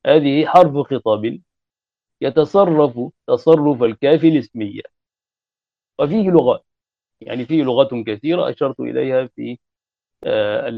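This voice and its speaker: A man giving a classroom grammar lecture, repeating and spelling out word forms deliberately. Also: medium pitch, vocal fry, no echo. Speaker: grammar teacher. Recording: dull lo-fi recording.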